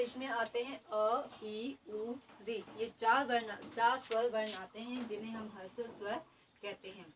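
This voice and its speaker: Woman teaching from a distance, faint noise. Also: fairly high pitch. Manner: explains each term twice, repeating definitions. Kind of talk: exam-prep grammar lesson.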